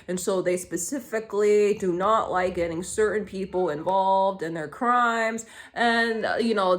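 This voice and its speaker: A woman vlogging to camera in a heated, rambling rant, swearing often and restarting her sentences. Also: medium pitch. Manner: rambling, profane, heated, many fillers and restarts.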